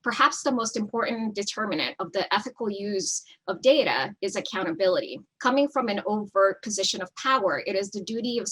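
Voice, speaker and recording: A woman's voice: mid-range voice, animated, a bit bright, slightly rough, rough recording. A woman from El Salvador, a nonprofit founder, reading a prepared opening statement in an online debate over a video call. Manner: measured, reading prepared remarks.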